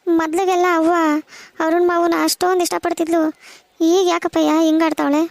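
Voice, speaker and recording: Woman playing a crying cartoon teen girl, very high and narrow-pitched, fast, gravelly, pleading. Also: little pitch movement, darkish tone, dry recording. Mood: tearful. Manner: pleading, worried questions. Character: tearful teenage village daughter, anxious and pleading. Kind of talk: cartoon voice acting.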